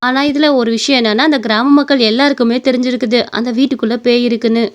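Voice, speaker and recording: A woman narrates a cartoon story in a brisk, matter-of-fact scripted style. Her voice is high and quick. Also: steady tone, lo-fi sound.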